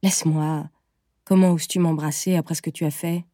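A woman's voice: low-pitched, fairly even intonation, brisk, warm tone, no echo, clean studio sound. A woman reading aloud voices a tender but exasperated mother who scolds her son with sorrow. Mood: reproachful. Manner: reproachful and sorrowful. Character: tender yet exasperated middle-aged mother. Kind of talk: audiobook reading.

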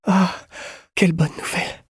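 A man voicing a starving, frightened young woman prisoner in a storybook reading, in a high, faint, half-whispered voice. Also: flat delivery, fast talker, fairly bright tone, husky, no echo, clean studio sound. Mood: frightened, weak.

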